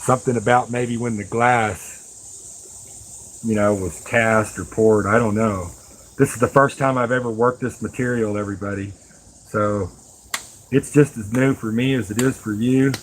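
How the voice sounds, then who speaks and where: A middle-aged knife maker talks to his live stream viewers in a folksy, rambling way while working with his hands. His voice is fairly low and steady at a moderate pace. The audio is poor, with a little hiss or hum.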